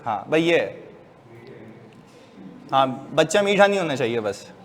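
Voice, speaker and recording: A man gives a casual, joking lecture to accounting students, chatty and full of lively asides to them. His mid-range voice is unhurried and sounds distant in a reverberant room with faint hiss.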